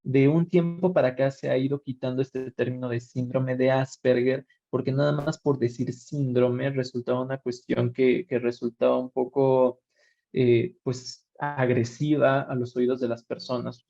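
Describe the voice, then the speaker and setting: A man's voice: medium pitch, little pitch movement, moderate pace, vocal fry, mellow, no room sound. A man with a Mexican accent giving a webinar lecture, explaining step by step and rephrasing with fillers and asides. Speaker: workshop lecturer. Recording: dull lo-fi webinar audio.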